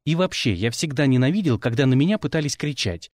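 A man's voice: medium pitch, animated, fast, darkish tone, no echo. A man reading a first-person audiobook with dry, wry storytelling. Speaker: audiobook narrator.

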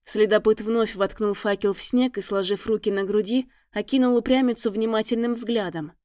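A woman reading a novel aloud in calm, steady scripted narration. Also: mid-range voice, normal speed, no echo, clean studio sound. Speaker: audiobook narrator.

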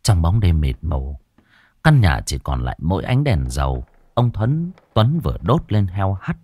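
Dramatic horror narrator. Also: male voice, deep voice, wildly swooping pitch, mellow, slightly rough, no room sound. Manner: slow, dramatic, suspenseful. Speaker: storyteller.

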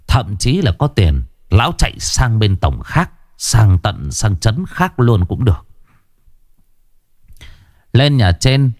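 A man's voice: fairly low pitch, darkish tone, no room sound, studio quality. A man narrating a ghost story with a dramatic, suspenseful delivery.

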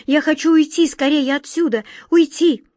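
Scared small girl for a fairy tale, high and pleading, woman reader voicing her, dry sound. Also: normal speed, darkish tone, no room sound, close to an everyday voice. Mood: frightened. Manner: pleading, tearful, anxious. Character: timid frightened little girl, gentle and pleading.

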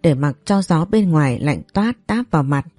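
A woman narrating a first-person audio story in a dramatic, measured way. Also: deep voice, animated, a little mellow, no room sound, soft background music.

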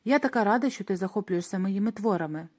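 A woman reading an audiobook who voices a young woman's eerie, high and theatrical ghostly voice. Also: fast, darkish tone, close to an everyday voice. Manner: high, artificial, performative tone.

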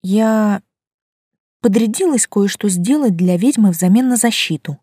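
A woman's voice: animated, unhurried, mellow, slightly rough, no echo, studio quality. Woman reading as a jumpy young heroine. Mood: anxious. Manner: high, pleading and jumpy. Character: nervous, stubborn young heroine.

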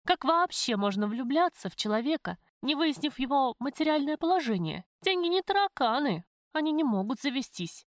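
A woman voicing a blunt, streetwise young waitress who chides her friend, in a lively, raised voice. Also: sits high, moderate pace, hardly any pauses, dry recording, studio quality, voice pushed up. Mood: brash. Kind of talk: audiobook character voice.

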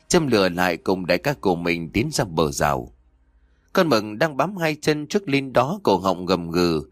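Low-voiced man narrating a horror story. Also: dry recording.

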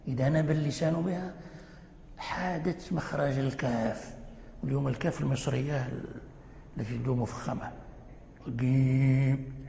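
Gravelly male Quran teacher, echoey hall. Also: fairly high pitch, dark tone, a little hiss or hum. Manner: chants example words slowly, explains in plain speech. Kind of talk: lecture on Quran recitation rules.

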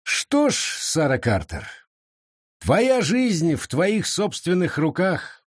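A stern, coldly methodical captain , as a man puts him on, speaking with calm menace in a raised, lively voice. His husky tone is close and dry. He sounds like someone used to being obeyed. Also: on the high side, no echo, pitched above the performer's own voice, full character voice. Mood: coaxing menace. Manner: coolly authoritative, measured.

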